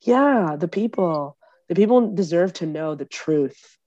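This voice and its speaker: A woman from Egypt, a lawyer and comedian, chatting as a podcast guest, animated and joking with lots of fillers. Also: fairly low pitch, measured pace, no echo, muffled recording. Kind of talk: casual conversational interview.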